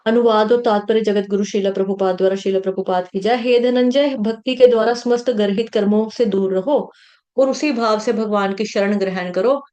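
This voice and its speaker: A woman teaching a devotional scripture class, slowly chanting Sanskrit verses and patiently explaining how to pronounce them. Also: mid-range voice, fairly even intonation, mellow, highs cut off.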